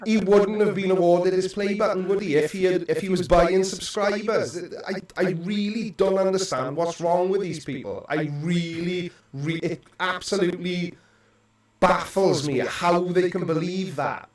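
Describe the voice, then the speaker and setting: A man's voice: sits high, steady tone, moderate pace. A man from Wales, chatting wryly as co-host of an online call, his voice carrying a cave-like echo. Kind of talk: casual livestream chat. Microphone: home computer mic over an online call. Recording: echoey room, voice far from mic.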